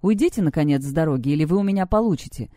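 A woman's voice: sits low, expressive, very fast, mellow, dry recording, studio quality. A woman voicing an irritated, dismissive teenage boy who hisses angrily. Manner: hissing, annoyed.

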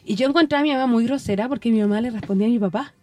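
Chilean woman, high mellow voice, lively storytelling, dry close sound. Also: racing, dry recording. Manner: animated, acts out quoted voices. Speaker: community radio guest. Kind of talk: casual conversational storytelling.

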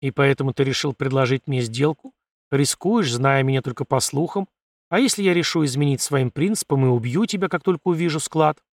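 A man voicing a calm, firm male leader of a valley who speaks bluntly. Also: mid-range voice, fairly quick, no echo, natural voice.

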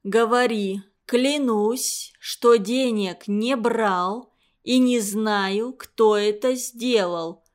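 A furious old woman who runs a boarding school, as a woman reads her in a storybook. She speaks slowly and heavily, each word hoarse and threatening. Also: a little high. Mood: grim. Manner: slow, menacing, hoarse.

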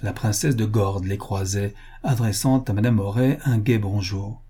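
Husky man reading an old novel. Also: lowish voice, moderate pace, dark tone. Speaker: audiobook reader. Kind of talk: literary audiobook narration.

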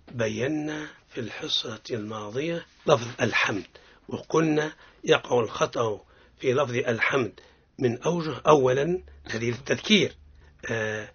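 A man with a Tunisian accent teaching Quran recitation on the radio. He explains step by step and models sounds slowly for listeners to repeat. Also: mid-range voice, fairly bright tone, slightly rough. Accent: Tunisian Arabic. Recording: dull lo-fi radio recording.

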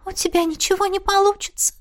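A woman's voice: very high-pitched, level tone, fast, pitched above the performer's own voice. A woman voicing a lovesick, gloomy ghost girl who talks in a mockingly sweet sing-song.

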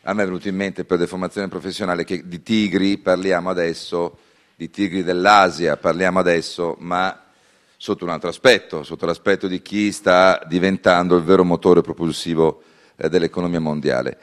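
A male radio interviewer with a deep, low voice talks in a loose, conversational way. He often pauses on small fillers as he builds his questions. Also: fairly even intonation.

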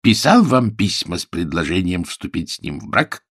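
A man voicing a shy, earnest man who is proud of his gun, speaking slowly and deliberately. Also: low-pitched, sing-song, no room sound, clean studio sound, heavily acted. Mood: insistent. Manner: slow, deliberate, gravelly.

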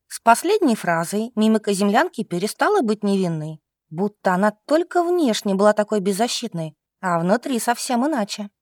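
A woman narrating an audiobook in an expressive, scripted reading style. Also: mid-range voice, no room sound, clean studio sound. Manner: expressive, varied intonation.

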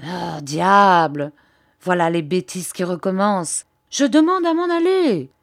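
A woman's voice: on the low side, animated, a little slow, vocal fry, no room sound, studio quality. A woman voicing a mocking, wisecracking Parisian male reporter in a storybook reading. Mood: panicky. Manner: jokey, cheeky banter.

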